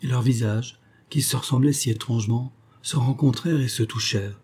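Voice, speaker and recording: A man reading a gothic story aloud as scripted narration, in a measured, even way. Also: mid-range voice, breathy edge. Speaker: audiobook reader.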